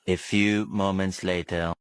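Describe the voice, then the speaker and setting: Deep slowed narrator voice, flat, distant, faint hiss. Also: female voice. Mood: ominous.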